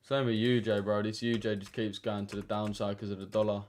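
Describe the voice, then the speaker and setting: Jeune homme à l'accent de l'Essex, bavard, voix un peu grave. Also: male voice, on the low side, level tone, fairly quick. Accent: Essex English. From Essex, England. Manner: slangy, chatty, addresses chat directly. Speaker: trading livestreamer. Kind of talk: casual livestream chat.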